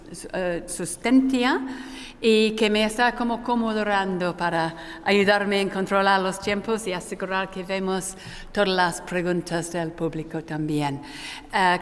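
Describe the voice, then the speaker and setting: A woman with a non-native Spanish accent moderating a conference panel, hesitant and often correcting herself, her voice echoing through a hall like in a cathedral. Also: mid-range voice. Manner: hesitant delivery with frequent self-corrections. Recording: echoey hall with long cathedral-like reverb.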